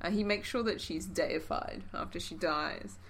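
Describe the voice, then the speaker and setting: A woman's voice: fairly low pitch, normal speed, fairly bright tone. A woman co-hosting a casual history podcast, talking in a playful, dryly humorous way. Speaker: podcast co-host.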